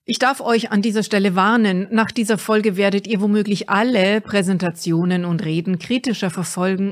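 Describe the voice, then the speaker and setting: A middle-aged woman, a speaking coach, giving a clear and deliberate instructive talk from a script. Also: mid-range voice. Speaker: speaking coach and podcast host.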